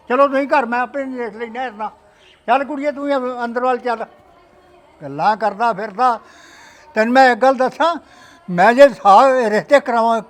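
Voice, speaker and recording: An actor playing a stern father who threatens his son-in-law. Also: very high voice.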